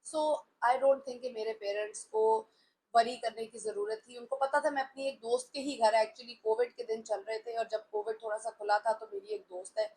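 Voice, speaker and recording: A woman's voice: fairly high pitch, steady tone, moderate pace, darkish tone, low-quality recording. Candid woman in her forties, code-switching. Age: 40s. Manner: candid, mixes English phrases into Hindustani speech. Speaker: talk show host. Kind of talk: personal reflective talk.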